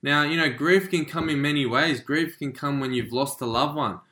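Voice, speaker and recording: Motivational podcast host, male, bright energetic delivery, echoey room. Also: fairly high pitch, moderate pace. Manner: energetic, repeats "right?" and "you know"; acts out quoted feelings. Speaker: podcast host, life coach. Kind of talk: motivational talk.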